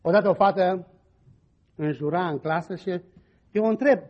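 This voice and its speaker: A middle-aged man preaching a sermon with personal stories, animated, moving from quiet asides to loud exclamations. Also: high-pitched. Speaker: pastor. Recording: dull lo-fi recording.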